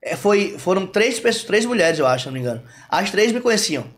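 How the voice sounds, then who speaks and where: A young Brazilian man, a guest, telling a story in slangy, animated casual chat on a podcast. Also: high-pitched, fast.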